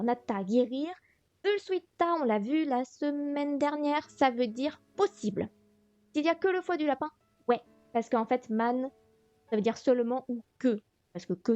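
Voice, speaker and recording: A woman's voice: a little high, a little mellow, no echo. A woman teaching a beginner language class on a livestream, thinking aloud with lots of fillers. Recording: dull lo-fi stream audio, faint music.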